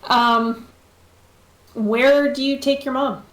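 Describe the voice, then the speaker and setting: A woman game master narrates a tabletop session at an easy, slow pace. Her voice sits a little high and she fills gaps with ums and laughter. The sound is roomy. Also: fairly even intonation, a bit bright. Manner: unhurried, with frequent ums and laughter. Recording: echoey room.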